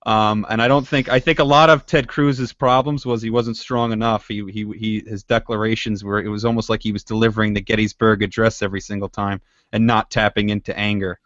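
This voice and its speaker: A man's voice: on the low side, little pitch movement, fairly quick, few pauses, fairly bright tone, no room sound. A man co-hosting a podcast interview, speaking bluntly and with strong opinions. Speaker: podcast co-host. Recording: dull lo-fi dry sound.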